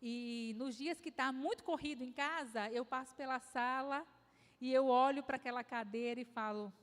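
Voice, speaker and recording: High-voiced Brazilian woman speaking in a reverberant hall. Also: normal speed. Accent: Brazilian Portuguese. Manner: conversational and anecdotal, with gentle self-deprecating humor. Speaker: conference speaker. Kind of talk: devotional talk. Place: church hall.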